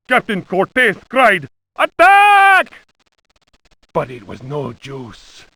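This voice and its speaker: A man's voice: fairly high pitch, sharp tone, dry recording, exaggerated voice, low-quality recording. A man playing a pompous, horrified Spanish lieutenant narrating a journal in a horror game, with hammy, overwrought bad acting. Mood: mounting horror. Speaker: narrator reading old books in a video game.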